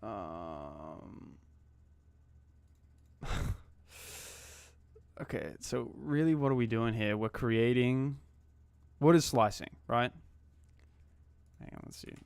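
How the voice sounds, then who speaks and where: A man's voice: medium pitch, animated, slow, creaky, long pauses, smooth, dry recording. A man in his twenties from Australia, chatting casually and muttering to himself on a live stream while he codes. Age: 20s.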